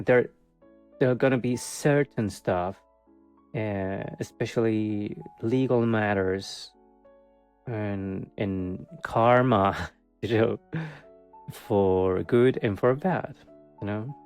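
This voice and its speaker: A man gives a casual monthly tarot reading, hesitant and full of fillers, with a wry, sarcastic streak and frequent laughter. His voice is lowish and a little mellow.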